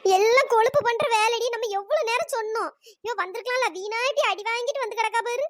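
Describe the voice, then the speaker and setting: A voice actor playing a chattering, gossipy village woman in a cartoon, speaking in a pitch-raised cartoon voice. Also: quick pace, fairly bright tone, dry recording, clean studio sound. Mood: gossiping. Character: gossiping village women neighbours, fussy.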